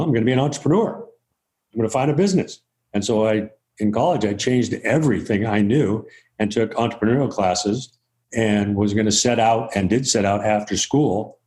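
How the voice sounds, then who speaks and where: A man's voice: fairly low pitch, darkish tone. A man, a board game designer and author, talking in a rambling, stammering, self-deprecating way on a video call interview. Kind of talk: casual interview talk.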